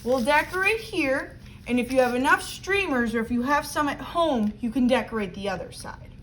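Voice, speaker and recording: A woman with a high voice speaks as a teacher to young children, giving simple craft instructions one step at a time. She addresses the children directly. There is clear noise behind her voice. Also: lively intonation, normal speed, a bit bright, poor audio.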